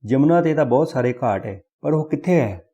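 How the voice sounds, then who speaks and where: A courteous older clerk, slightly tipsy, voiced by a male storyteller, who speaks in a polite, businesslike manner. The voice sits near the reader's own, only a touch softer. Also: mid-range voice, animated, brisk, lo-fi sound, close to an everyday voice.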